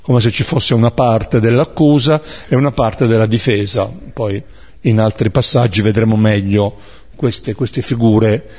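A man leading a Bible study, reading scripture aloud and explaining it in a measured way, pausing often to search for words. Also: fairly low pitch, a little mellow. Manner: measured, searching for words with many fillers and restarts. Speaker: Bible teacher. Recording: dull, lo-fi recording.

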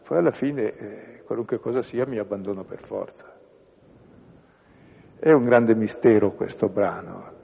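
A man leading a reflection on a bible passage, slow and measured, trailing off softly at the ends of phrases. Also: fairly low pitch, creaky, slightly rough. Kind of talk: spoken reflection on scripture. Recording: echoey hall over a tinny phone-like line.

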